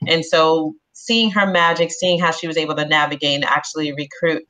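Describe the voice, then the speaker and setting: A woman from the Bronx, speaking as a panelist about her career in a measured, reflective way. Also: sits low, steady tone, bright, forceful tone. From New York City (Bronx). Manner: measured, reflective, frequent um fillers. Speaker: HR business partner, panelist. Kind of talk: panel discussion.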